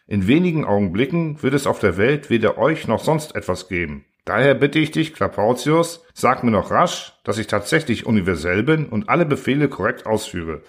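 A man's voice: medium pitch, big pitch swings, normal speed, few pauses. A man reading an audiobook voices a vain, boastful thinking machine with a metallic, indifferent manner. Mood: smug. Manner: smug, indifferent, self-important.

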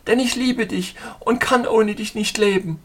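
A man's voice: steady tone, unhurried. A man voicing a desperate young woman in love. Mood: passionate. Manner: cries out high and breathless.

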